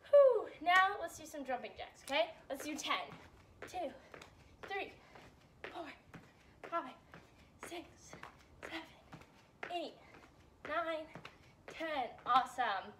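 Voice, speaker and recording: A young woman teacher leading warm-ups and stretches for kids, upbeat and a bit out of breath, checking in often. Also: sits high, animated, slow, pauses often, distant mic, noisy background. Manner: upbeat coaching, checks in with "all right?". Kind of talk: guided exercise instruction.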